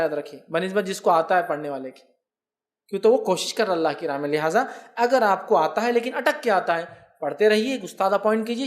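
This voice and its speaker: This man is an Islamic scholar fielding viewer questions during a religious lecture. Speaking in a high voice, he explains things patiently and often makes sure listeners are keeping up.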